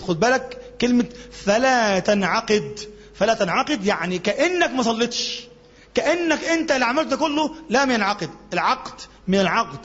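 Egyptian sheikh, high and quick, conversational teaching tone, muffled recording with lingering hall echo. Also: male voice. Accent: Egyptian Arabic. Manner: colloquial, asks the class questions and answers them, demonstrates chanting. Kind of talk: classroom religious lesson. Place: mosque classroom. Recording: dull lo-fi recording with long reverb.

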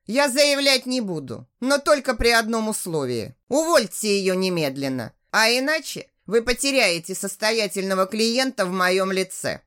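A woman voicing an arrogant, sleazy rich male client in an audiobook, talking loud, slow and indignant. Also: mid-range voice, sing-song. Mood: demanding.

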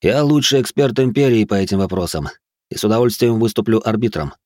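A man voicing a polished, learned male noble sorcerer who speaks in a slow, lecturing way. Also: lowish voice, lively intonation, darkish tone, no room sound, lightly acted. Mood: measured.

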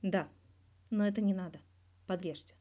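Voicing a guarded hockey star, a man in his thirties, a woman gives a light performance in a medium-pitched, dark-toned voice at normal speed. The scripted interview comes from a fan fiction audio reading, and the character speaks candidly and wryly, with colloquial swearing.

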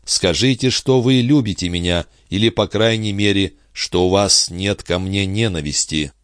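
A man's voice: sits low, normal speed, no echo, clean studio sound, close to an everyday voice. A man voicing an ardent young nobleman who pleads earnestly and tenderly.

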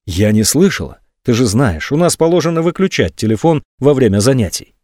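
A man's voice: mid-range voice, big pitch swings, fairly quick, no room sound, clean studio sound, natural voice. A man voicing a young woman violinist, anxious and pleading, in an audiobook. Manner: soft, pleading, defensive.

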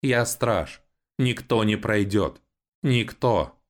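A man voicing a stern robot gun sentry with a creaky, grating voice that speaks slowly and repeats its warnings, in an audiobook. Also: lowish voice, voice pushed up. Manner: slow, insistent, repeats itself. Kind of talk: audiobook voice acting.

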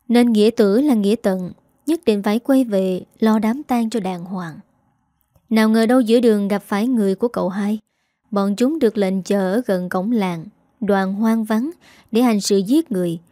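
A woman narrating a dramatic scripted story in a steady storytelling manner. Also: medium pitch, dry recording, studio quality.

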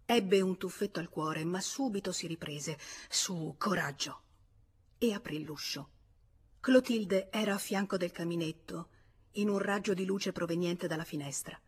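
A woman reading a classic novel aloud in measured scripted narration. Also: lowish voice, husky. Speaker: audiobook reader.

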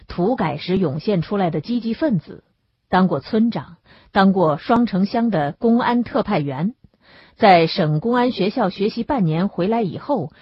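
Husky woman narrating an audiobook. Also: medium pitch, no echo. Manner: expressive storytelling. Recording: dull lo-fi dry recording.

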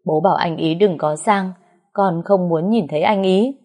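A woman's voice: lowish voice, normal speed, darkish tone, lightly acted. A woman voicing a heartbroken young wife who pleads tearfully and insistently. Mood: refusing.

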